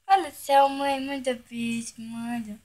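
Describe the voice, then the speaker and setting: High-voiced woman cooing at her dog. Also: fairly even intonation, measured pace, a little mellow. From Brazil. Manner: cooing, pleading baby talk to a dog. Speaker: vlogger. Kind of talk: casual vlog, coaxing her pet.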